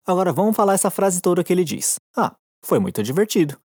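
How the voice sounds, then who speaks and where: A woman with a Brazilian Portuguese accent teaching Japanese in a recorded lesson, patient and encouraging, slowing down to model each phrase. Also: fairly low pitch, very animated, darkish tone, dry recording.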